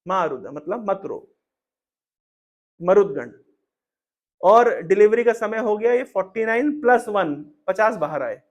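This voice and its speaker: A man's voice: high-pitched, animated, slow, pauses often. A man preaching a devotional storytelling sermon, emphatic and repetitive, with frequent rhetorical questions.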